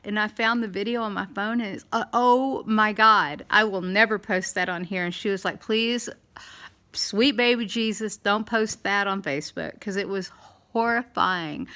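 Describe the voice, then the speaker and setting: A middle-aged woman with a slight lisp, talking candidly in a halting, rambling way as in a casual video diary. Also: medium pitch, pushed and bright. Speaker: dental implant patient vlogger.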